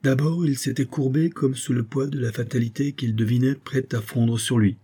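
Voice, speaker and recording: A man narrating a classic novel as an audiobook in a steady, measured way. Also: medium pitch, slightly rough.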